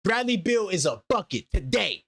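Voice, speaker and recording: A man's voice: high-pitched, sing-song, normal speed, gravelly, fairly bright tone, dry recording, clean studio sound. A man in his forties hosting a sports talk show, emphatic and repeating his points. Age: 40s. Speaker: host.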